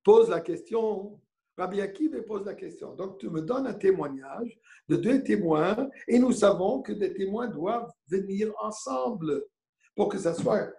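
A man's voice: sits high, expressive, unhurried, gravelly, warm tone. A man giving a Torah lesson as a rabbi, telling a story and answering his own questions, with Hebrew terms mixed in. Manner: mixes Hebrew terms into French.

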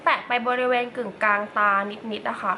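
A woman's voice: fairly high pitch, little pitch movement, brisk, vocal fry, sharp tone, slight background noise, low-quality recording. A young woman chatting casually through a makeup tutorial, with playful asides to her viewers. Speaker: beauty vlogger.

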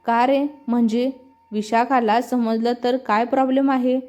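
A friendly, coaxing middle-aged man, as read by a woman narrator, in a fairly high voice. Soft music plays under a slightly dull sound. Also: fairly even intonation, measured pace, natural voice.

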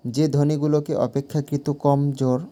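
A man teaching a grammar lesson as an exam answer, deliberate and repeating phrases to correct himself. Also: a little high, little pitch movement, mellow.

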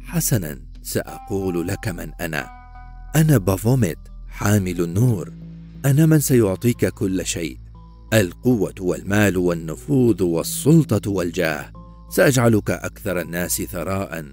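Sly old male demon, hissing and quiet, low and mocking, voiced by a man. Menacing storybook villain. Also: expressive, moderate pace, faint music behind. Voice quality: hissing, whispery.

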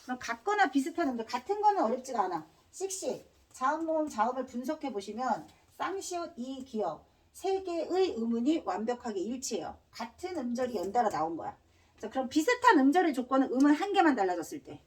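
A high-pitched woman teacher lectures with a lively, swooping voice, firing quick repeated questions at her class and dropping casual slang between points. She sounds a little distant from the microphone. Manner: drills students with repeated questions. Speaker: Korean language teacher.

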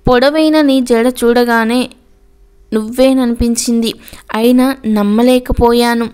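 Storybook: woman reading as young man, regretful, pleading, soft and clear. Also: on the high side, steady tone, a little slow, lightly acted. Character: young man, earnest regretful former lover.

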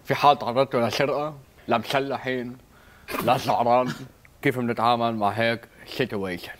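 A man's voice: mid-range voice, steady tone, fairly quick, slight background noise, close to an everyday voice. A man with a Lebanese accent acting a boastful, bumbling self-defense coach in a comedy sketch, tossing English words into his speech. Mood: cocky.

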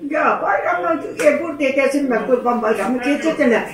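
A woman's voice: sits high, lively intonation, a little fast. An older woman, rambling homespun stories in casual family chat. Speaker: mother-in-law. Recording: echoey room, distant mic, voices around.

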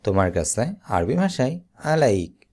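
A man teaching Arabic vocabulary, saying each word slowly and then repeating it. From Bangladesh. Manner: slow, deliberate repetition with lively pitch. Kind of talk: slow vocabulary drill, each word said twice.

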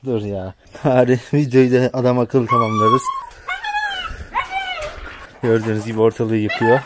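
A man's voice: medium pitch, wildly swooping pitch, normal speed, heavy background noise. A man from Turkey vlogging outdoors on his village farm, chatting casually to viewers and talking fondly to his animals. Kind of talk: casual vlog narration.

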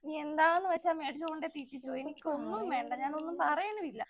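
A woman's voice: sits high, quick pace, highs cut off, natural voice. A woman playing a whiny scheming old mother-in-law. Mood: nagging. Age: 60s. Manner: whiny, accusing, theatrical complaining. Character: older mother-in-law, scheming, self-pitying, nagging. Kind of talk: comedic family skit.

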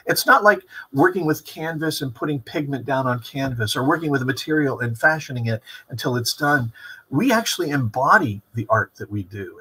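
Rambling professorial man, bright husky voice. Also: on the high side, poor audio. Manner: rambling, reflective, digressive professorial delivery. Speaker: theater director giving a talk. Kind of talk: informal online lecture, musing aloud. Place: small room with brick wall and window, indoors.

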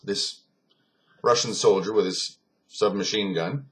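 A man's voice: lowish voice, measured pace, heavy background noise. A man giving an informal philosophy talk, telling a story with emphasis, many fillers and a rambling flow.

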